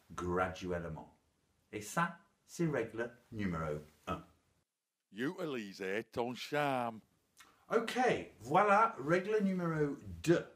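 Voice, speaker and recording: English-accented male teacher, playful and self-mocking, lively pitch, unhurried, echoey room. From England. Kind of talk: lively video lesson.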